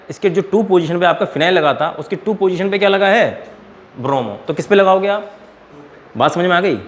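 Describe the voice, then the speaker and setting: Man teaching chemistry with quick questions. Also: high-pitched. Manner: quizzes students and answers his own questions; calls students "beta". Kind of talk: classroom lecture.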